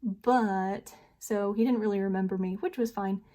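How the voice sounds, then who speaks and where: A woman's voice: medium pitch, steady tone, normal speed, warm tone. Chatty, laughing young woman vlogger. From United States. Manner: chatty, self-deprecating, laughs often. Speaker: beauty vlogger. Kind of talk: casual chatty storytelling while doing makeup.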